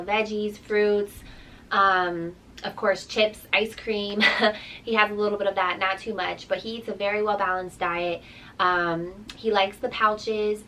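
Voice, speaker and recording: A young mother chats to camera at home in a loose, filler-heavy way, with plenty of ums and likes. Her voice sits at an ordinary middle pitch. She is recorded from a little way off the mic, with faint noise underneath. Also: a bit bright, recorded from a distance, low-quality recording. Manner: chatty, many ums and likes. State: out of breath. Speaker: vlogger, mother. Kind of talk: casual chat to camera. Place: home room.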